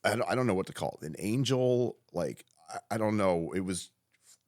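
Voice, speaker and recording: A man with a fairly low voice tells a story as a podcast guest. His delivery is loose and profane, full of false starts and restarts. The sound is close and dry. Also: expressive, brisk, darkish tone, dry recording. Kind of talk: casual storytelling chat.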